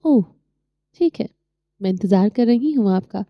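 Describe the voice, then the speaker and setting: A woman voicing a gentle, innocent young woman on a phone call in an audio novel. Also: mid-range voice, lively intonation, dry recording, close to an everyday voice. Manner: soft, gentle.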